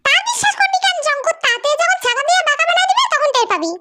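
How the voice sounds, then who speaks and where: Fast, very high-voiced woman dubbing, hissy track. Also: expressive. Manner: quick, teasing, often shouting and bickering. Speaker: fan dubber voicing several characters. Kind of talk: comedic fan dubbing.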